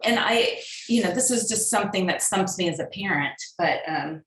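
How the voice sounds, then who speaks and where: A woman's voice: fairly low pitch, expressive, normal speed, fairly bright tone. A woman in her forties speaks hesitantly with many fillers as a participant on a video call. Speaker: workshop participant. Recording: roomy, distant call audio.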